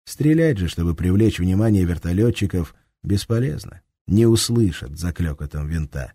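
Deep, husky male narrator. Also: expressive, moderate pace, warm tone, no room sound, studio quality. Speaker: audiobook narrator. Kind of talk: scripted narration.

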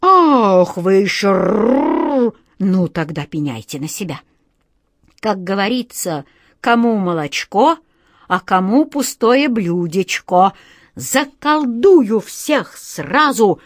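A woman voicing an excitable striped male cat wizard who talks fussily and gabbles shrilly when upset. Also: mid-range voice, takes it slowly, dry recording, studio quality. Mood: threatening.

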